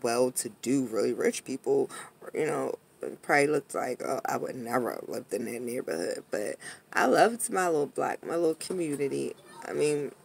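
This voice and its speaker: An American woman with a husky, gravelly voice, rambling drunkenly and bluntly in a casual rant to her viewers, with some swearing. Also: rumbling low, expressive, moderate pace, slight background noise. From Pennsylvania, United States. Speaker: vlogger.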